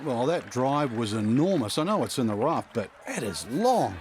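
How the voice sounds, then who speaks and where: A man's voice: medium pitch, very animated, normal speed. A man giving short golf commentary remarks with outdoor noise behind him.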